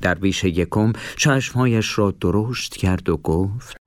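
A man narrating a children's story in an expressive storytelling manner. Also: deep voice.

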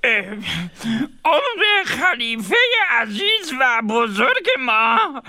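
A fat, fearful old dream reader, shrill, piercing, swooping pitch. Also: male voice, sing-song, bright, forceful tone, dry recording, full character voice. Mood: solemn. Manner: shrill, wailing, trembling. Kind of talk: storybook narration.

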